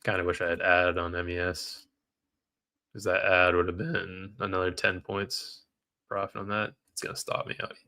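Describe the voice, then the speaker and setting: A livestream trader with a low, level, sharp voice at moderate pace reads viewer comments aloud and talks to chat, venting his frustration whenever trades turn against him.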